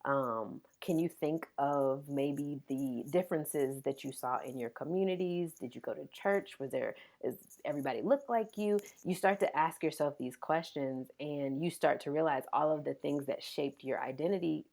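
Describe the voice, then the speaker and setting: A woman's voice: deep voice, moderate pace, hardly any pauses, a little mellow. A woman in her thirties, a pediatric physical therapist, speaking earnestly as a guest in a podcast interview.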